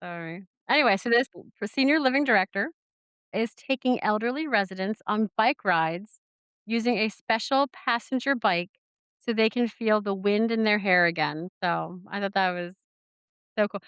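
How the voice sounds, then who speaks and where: Chatty podcast woman, smooth and dry. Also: mid-range voice, moderate pace, a bit bright, no room sound. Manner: rambling, lots of fillers and restarts, giggly asides. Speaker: podcast co-host. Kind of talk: casual chat.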